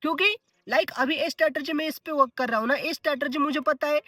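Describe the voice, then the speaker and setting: A man talks casually to his viewers about his trading. He is bright and forceful, tosses in English words and fires off rhetorical questions. His voice sits slightly back from the mic, with faint music underneath. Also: extremely high pitch, steady tone, fast talker, no echo, studio quality, far from the mic. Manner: chatty, asks and answers his own rhetorical questions. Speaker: trading vlogger. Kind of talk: casual vlog talk to camera.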